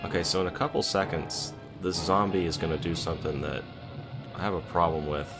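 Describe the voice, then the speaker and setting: A man's voice: sits low, steady tone, brisk. A man giving chatty, opinionated commentary while watching a film. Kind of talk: casual movie commentary. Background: music playing loudly.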